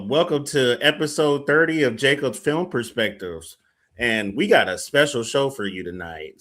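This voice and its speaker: A man's voice: mid-range voice, bright, forceful tone. Upbeat male livestream host. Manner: upbeat, laughs often. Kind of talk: livestream review show.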